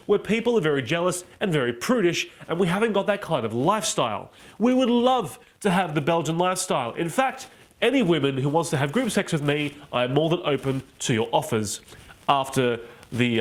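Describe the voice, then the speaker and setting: A man hosting a satirical comedy monologue, mocking the news with playful asides. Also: a little high. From Australia. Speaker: comedy show host.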